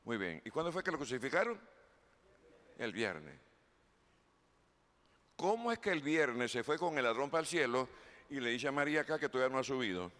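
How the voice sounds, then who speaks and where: A man's voice: mid-range voice, sing-song, a little fast, long pauses, a bit bright. A man preaching a sermon as pastor, reading scripture aloud and putting questions to the congregation. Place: church hall. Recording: long hall reverb.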